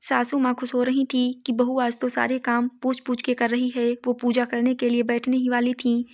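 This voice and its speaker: A woman narrates a moral story in a steady, scripted way. Her voice sits fairly high, with almost no rise and fall. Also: moderate pace.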